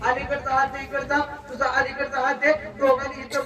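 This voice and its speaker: A man's voice: very high-pitched, completely flat delivery, fairly quick. Marathi-accented male magician, commanding patter, heard from afar over a crowd. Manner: commanding, counts and barks drill orders. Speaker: stage magician. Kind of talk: live stage patter with children. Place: outdoor birthday event. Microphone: handheld stage mic. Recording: echoey crowd, far from mic.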